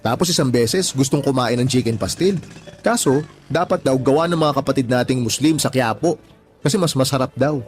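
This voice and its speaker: In a Tagalog radio drama, an actor plays a married father who is a sympathetic friend, chatting in a matter-of-fact, reassuring way. His medium-pitched voice moves fairly quickly and sounds close to everyday speech, with faint music behind.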